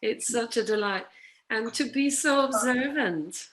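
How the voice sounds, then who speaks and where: A woman's voice: on the high side, measured pace, background noise. A woman hosting a poetry open mic in a casual, encouraging way.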